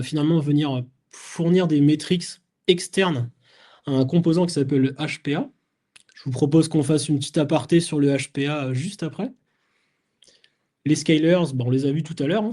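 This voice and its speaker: Man from France, conference speaker, mellow, slightly high voice, hesitant explanatory delivery. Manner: explanatory, many fillers and restarts, plays out imagined inner voices. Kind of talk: technical conference talk.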